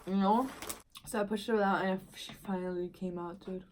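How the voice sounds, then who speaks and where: A woman's voice: mid-range voice, steady tone, moderate pace, a little mellow, a little hiss or hum. Rambling young woman telling a storytime. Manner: rambling, heavy use of "like" and "dude". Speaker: vlogger. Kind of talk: casual storytime chat.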